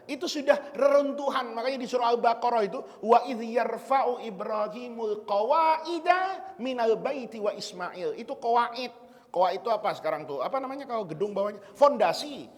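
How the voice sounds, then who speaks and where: A man's voice: very high-pitched, long reverb tail. A male preacher giving a sermon, telling stories playfully and quizzing his audience. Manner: lively storytelling, quizzes audience, playful asides.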